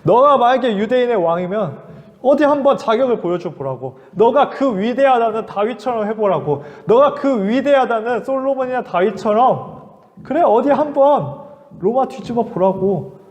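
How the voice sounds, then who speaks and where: A man voicing rough Roman soldiers who mock and jeer sarcastically. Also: very high-pitched, animated, moderate pace, big-room sound, muffled recording, pitched above the performer's own voice. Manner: mocking, sarcastic. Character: jeering Roman soldiers, rough and mocking men.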